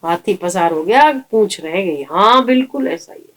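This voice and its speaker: A woman's voice: medium pitch, measured pace. A woman preacher giving a sermon, telling parables and asking rhetorical questions. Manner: lively storytelling, rhetorical questions. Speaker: spiritual preacher.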